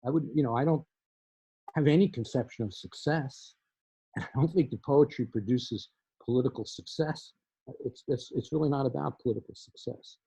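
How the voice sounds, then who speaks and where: An older man in a recorded online conversation, talking in a thoughtful, halting way full of restarts and repeated words. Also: medium pitch, creaky, warm tone, slightly rough, no echo, rough recording. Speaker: poet in conversation. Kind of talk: conversational interview. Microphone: video call.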